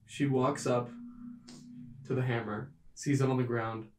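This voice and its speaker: A man narrating a tabletop game as game master, in a measured, descriptive storytelling manner. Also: mid-range voice, little pitch movement, far from the mic, slight background noise. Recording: roomy, mic set back.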